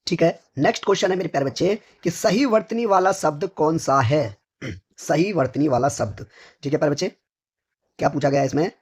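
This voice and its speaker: A hoarse man teaching a vocabulary lesson for exam preparation, who asks each question, answers it himself, and keeps addressing his students fondly. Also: fairly high pitch. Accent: North Indian Hindi. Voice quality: husky.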